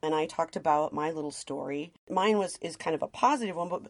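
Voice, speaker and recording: A woman's voice: deep voice, brisk. A woman co-hosting a casual podcast conversation, asking curious questions in a chatty way.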